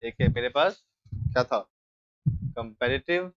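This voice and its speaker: A man's voice: medium pitch, unhurried, a bit bright. A young male teacher giving a grammar lesson in a classroom, explaining step by step and often checking with his students. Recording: dull lo-fi recording.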